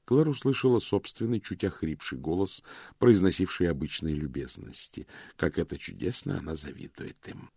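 A man narrating a story in a measured, expressive reading. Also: sits low, gravelly, slightly rough, no room sound, studio quality. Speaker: audiobook narrator. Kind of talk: scripted narration.

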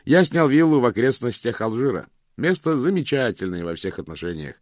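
A man voicing a cheerful, slightly awkward middle-aged husband who chats brightly. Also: mid-range voice, big pitch swings, fairly quick, no echo, clean studio sound, pitched above the performer's own voice, close to an everyday voice. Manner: cheerful, chatty.

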